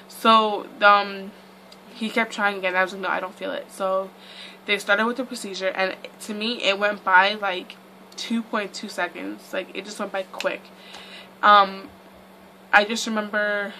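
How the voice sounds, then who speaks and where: A young woman chats through her storytime, rambling and filling gaps with "like" and "um". Her voice is bright and clear, with a faint background hum. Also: medium pitch, low-quality recording. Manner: chatty, rambling, lots of "like" and "um". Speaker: vlogger. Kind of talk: casual storytime.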